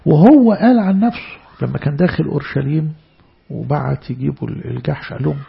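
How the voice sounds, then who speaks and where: A man with an Egyptian Arabic accent preaching a church sermon, stressing words loudly and then dropping into soft asides. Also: a little high, fast talker, gravelly, slightly rough, muffled recording. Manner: emphatic, swinging between loud stresses and soft asides.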